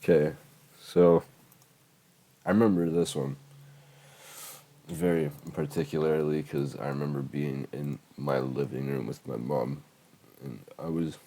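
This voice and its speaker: Rumbling low and warm, with a steady tone, a young man in his late teens talks unhurriedly through his old music, pausing often. A heavy cold leaves him stuffed up as he rambles casually over a screen recording, dropping fillers and swear words.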